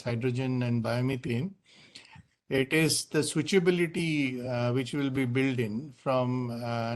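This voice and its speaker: A man with a medium-pitched voice speaks as a company executive on an earnings call, explaining things in unscripted answers full of pauses and repeated words.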